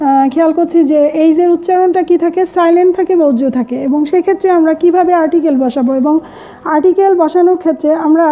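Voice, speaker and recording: Brief: woman teacher, high voice, patient repeating delivery, tinny phone-like recording. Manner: mixes English phrases into explanations, repeats words slowly. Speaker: English teacher. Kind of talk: classroom lesson.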